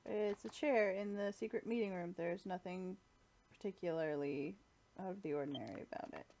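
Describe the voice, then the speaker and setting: A woman's voice: fairly low pitch, moderate pace, a little mellow. A woman streaming a game playthrough, reading and translating dialogue in a casual, thinking-aloud way with fillers. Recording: faint game music behind.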